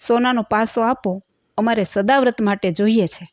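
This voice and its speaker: A woman voicing a calm elderly male guru who admonishes in a measured way. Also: fairly high pitch, dry recording, studio quality, close to an everyday voice. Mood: patient.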